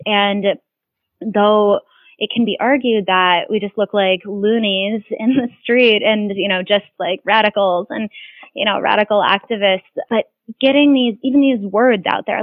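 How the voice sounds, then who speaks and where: A woman's voice: medium pitch, dry recording. A woman climate activist giving casual, earnest interview answers, rambling a little with restarts. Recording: tinny phone-like line.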